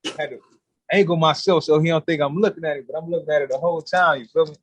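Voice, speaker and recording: A man telling a story as a podcast guest in casual street slang, animated and blunt. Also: on the high side, very fast, dry recording, low-quality recording. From California.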